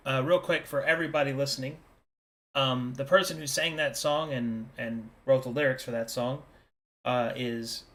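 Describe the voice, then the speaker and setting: A man's voice: medium pitch, a bit bright. A man talking casually to players and listeners as host and game master of a tabletop role-playing show.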